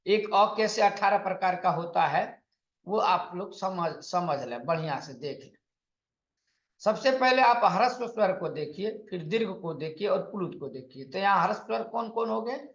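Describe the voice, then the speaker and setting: A man teaching Sanskrit grammar in an online lecture, explaining patiently and repeating lists, sometimes chanting sutras slowly. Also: high-pitched, expressive. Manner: slow, patient explaining with repetition and counting out lists. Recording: echoey, dull lo-fi room recording.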